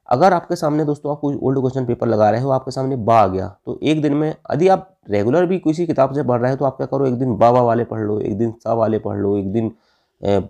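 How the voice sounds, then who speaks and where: A man's voice: mid-range voice, dark tone. A man teaching grammar for an exam, asking his students questions and answering them himself, repeating the key terms. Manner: asks the class questions and answers them himself, addressing "friends". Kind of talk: exam-prep lesson.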